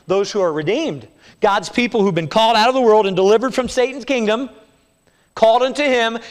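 A male pastor with a high, light voice works through scripture in expository preaching, swinging from hushed, low asides to raised, emphatic points. A long reverb from the church sanctuary trails his words.

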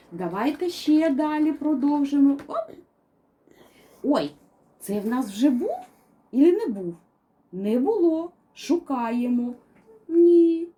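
A woman with a high, mellow voice leads toddlers through a learning game. Her pitch swoops widely as she coaxes and chants playful rhymes. She speaks slowly so the children can repeat words after her. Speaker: preschool teacher. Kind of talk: children's educational game video.

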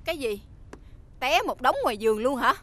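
A bossy Southern mistress. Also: female voice, high-pitched, animated, fairly quick, fairly bright tone. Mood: scolding. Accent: Southern Vietnamese. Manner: scolding, bossy. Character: sharp-tongued young mistress of a rich household. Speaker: actress. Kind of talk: TV drama acting.

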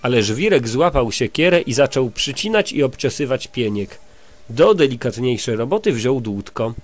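A man reading a children's story aloud to a child, stopping gently to explain words. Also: mid-range voice, lively intonation, normal speed. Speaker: reader to a child.

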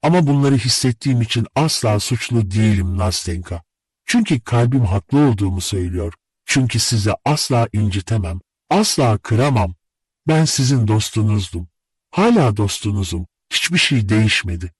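A lonely young man, read by a male audiobook narrator, confesses his love in an earnest, imploring voice with lively swings of pitch. The tone is husky and the sound dry and close. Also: normal speed, no room sound. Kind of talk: audiobook character reading.

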